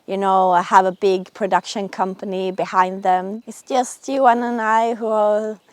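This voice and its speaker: Female vlog host, medium pitch, casual address to viewers, very dry close recording. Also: flat delivery, a little slow, clean tone, no echo. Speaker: sailing and boat-building vlogger, host.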